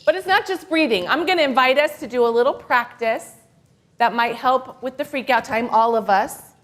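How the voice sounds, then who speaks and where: A woman minister leads a children's segment in a worship service. Her voice sits high and light, and she sounds playful and animated. She draws the kids in with questions and gentle encouragement. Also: moderate pace. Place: church sanctuary.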